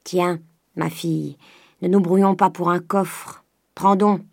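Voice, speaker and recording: A woman voicing a miserly old man who is by turns gruff and wheedling, with a lower voice and shifting pace. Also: a little slow, a little mellow, dry recording, studio quality, full character voice. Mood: coaxing, gruff.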